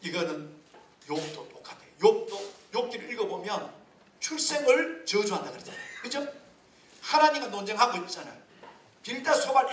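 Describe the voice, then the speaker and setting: A man preaching a sermon as a pastor, lively and humorous, with many rhetorical questions. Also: high voice, a little hiss or hum. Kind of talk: sermon at a leaders' retreat. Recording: echoey hall from far off.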